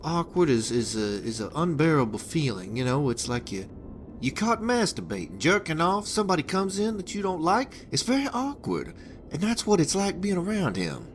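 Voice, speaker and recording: Speaking at a normal speed, a man gives a very animated, rambling, crude performance as a wasteland game's hitman boss assigning a job, full of stammers and false starts. His pitch is a little high for a man and moves widely. There is faint noise behind him.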